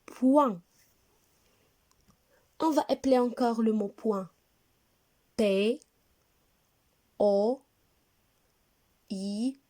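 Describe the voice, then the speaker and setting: A woman teaching a reading lesson to young children, speaking slowly and clearly and spelling words out letter by letter. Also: on the high side, dark tone. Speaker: primary school teacher.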